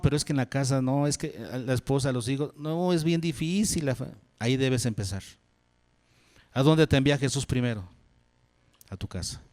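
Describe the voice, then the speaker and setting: A man preaching as pastor, asking questions and answering them himself, dropping low and soft on key phrases. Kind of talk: sermon. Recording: long hall reverb.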